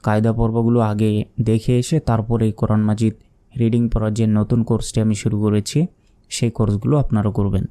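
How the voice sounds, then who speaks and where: Mellow-voiced man teaching Quran reading. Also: lowish voice, level tone. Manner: slow, drawn-out chanting of verses between plain explanations; patient, methodical spelling out of letters and vowel marks. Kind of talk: step-by-step recitation lesson.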